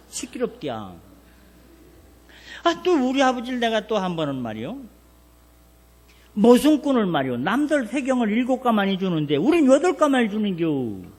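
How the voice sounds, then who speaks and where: Older man preaching, folksy and animated. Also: extremely high pitch. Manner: folksy storytelling with rhetorical questions to the congregation. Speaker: pastor. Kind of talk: revival sermon.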